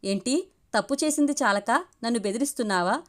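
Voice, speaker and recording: A woman's voice: fairly high pitch, lively intonation, fairly quick, lightly acted. A woman voicing an angry, indignant young woman who scolds sharply, in a story reading.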